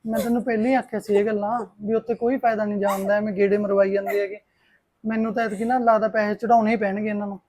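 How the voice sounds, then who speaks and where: A man's voice: high voice, level tone, a little mellow. An actor playing a protective, practical man who talks firmly and reassures. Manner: brisk, firm, reassuring. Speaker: protective elder brother figure. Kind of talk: Punjabi web-series acting.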